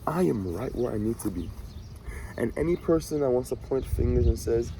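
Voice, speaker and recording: A man in his twenties giving an animated, preachy motivational monologue to camera, talking to himself and his viewers with swagger. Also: mid-range voice, normal speed, a little hiss or hum, rough recording. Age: 20s. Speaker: vlogger.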